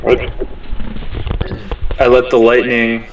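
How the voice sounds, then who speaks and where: A man playing a tabletop game, describing his character's actions in first person, deliberately and haltingly. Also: medium pitch, completely flat delivery, muffled recording. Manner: deliberate, halting, searching for words. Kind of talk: improvised first-person role-play description. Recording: distant microphone.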